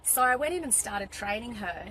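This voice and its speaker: A woman's voice: a little high, lively intonation, normal speed, a bit bright, low-quality recording. Chatty woman in her forties, road noise. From Wales, raised in Western Australia. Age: 40s. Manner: chatty, with many ums and restarts. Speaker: guest, fitness business owner. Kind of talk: casual interview chat. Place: inside a car. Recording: car interior with road noise. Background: vehicle noise.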